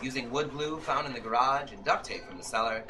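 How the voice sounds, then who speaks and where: Inside a small bookshop, a middle-aged novelist gives a dramatic reading of his own fiction, tense and deliberate in an old-time radio style, with a medium-pitched voice. Violin music accompanies him, and the live recording, from an audience member's camera a few metres away, has a noisy background.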